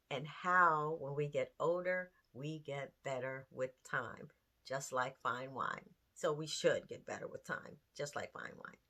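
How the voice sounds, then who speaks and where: A woman's voice: deep voice, pushed and bright. A woman in her late fifties hosting a candid talk series, speaking earnestly and conversationally to the camera, with rhetorical questions and emphasis. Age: 50s. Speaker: host.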